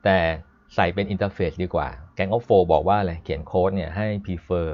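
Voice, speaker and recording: Man, low voice, chatty coding instructor on a live class; dull lo-fi sound. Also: steady tone. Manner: chatty and explanatory, stops to read code aloud slowly. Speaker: programming instructor. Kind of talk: live-streamed coding lesson. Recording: dull lo-fi stream audio.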